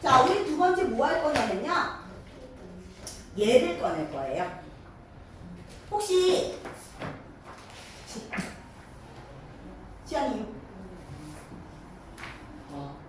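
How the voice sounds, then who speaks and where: A woman teaching a middle school grammar lesson, lively and coaxing, checking in with her students again and again. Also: high voice, drawn-out words, pauses often, background noise. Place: classroom. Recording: echoey classroom, mic far off.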